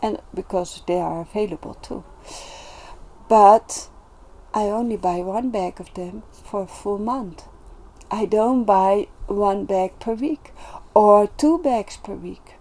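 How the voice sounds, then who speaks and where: A woman vlogger talking in a casual, reflective monologue, gentle and earnest, with many pauses and restarts. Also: medium pitch. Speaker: self-development vlogger.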